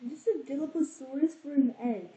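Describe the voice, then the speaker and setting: A woman's voice: high voice, brisk, dark tone, low-quality recording. A young female friend chatting while gaming, teasing and chanting words over and over. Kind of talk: casual gaming chat.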